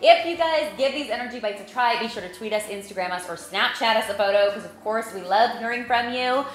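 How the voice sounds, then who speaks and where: A woman's voice: fairly high pitch, fairly quick, roomy sound, soft background music. A woman hosting a casual cooking show from a home kitchen, bubbly and affectionate as she talks to viewers.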